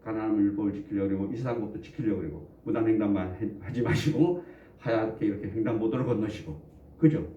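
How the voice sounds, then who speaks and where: A man preaches fast in a voice on the low side, treating his sermon like a conversation, asking the congregation questions and joking and chuckling between points. He is a pastor, heard through a distant, dull mic in an echoey room.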